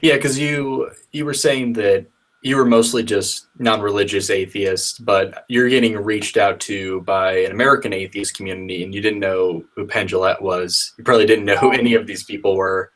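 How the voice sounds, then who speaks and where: A man's voice: fairly low pitch, steady tone, moderate pace, a bit bright. A man hosting a podcast, asking questions in an easygoing casual interview. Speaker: podcast host.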